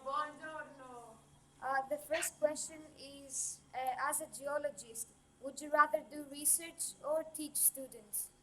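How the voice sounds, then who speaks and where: A young woman asks prepared interview questions as a student, heard quietly from a distance. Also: high-pitched, steady tone, a little slow.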